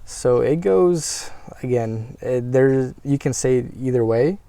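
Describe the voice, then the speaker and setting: American guy chatting, lots of ums, smooth warm voice. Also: medium pitch, a little slow, no room sound. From United States. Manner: hesitant, many ums and restarts. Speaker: guest. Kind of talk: casual conversation.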